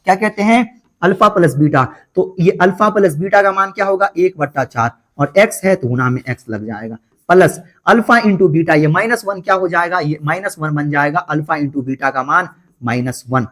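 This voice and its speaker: A man's voice: on the high side, moderate pace, a bit bright. A male math teacher explains a problem step by step. He keeps asking the class questions and answering them himself, repeating the key points. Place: online class, voice over board writing.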